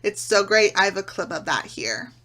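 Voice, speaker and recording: A woman's voice: mid-range voice, sing-song, moderate pace, a loud crowd. A woman hosting a YouTube video, presenting an enthusiastic countdown review. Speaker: YouTube host. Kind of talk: scripted countdown review to camera.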